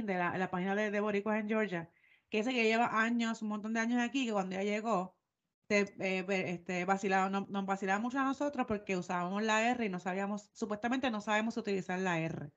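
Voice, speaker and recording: A Puerto Rican woman talks in casual podcast chat, spinning stories with plenty of asides. Her voice sits at an ordinary middle pitch. The recording sounds a bit dull and muffled. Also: fairly quick. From Puerto Rico. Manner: chatty, storytelling, full of asides. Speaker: podcast co-host.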